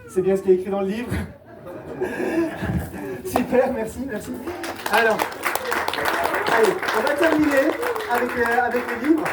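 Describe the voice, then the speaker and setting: A woman mentalist works a live crowd, coaxing volunteers through a mind-reading trick with playful, patient repetition. Her voice sits at a middling pitch and comes from a distance. The room is roomy and echoing, with a steady live-venue noise underneath. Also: measured pace, long pauses. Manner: playful, repeats instructions patiently. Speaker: stage mentalist. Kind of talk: live stage show with audience volunteers. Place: live show venue with audience. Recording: echoey, distant mic, noisy live room.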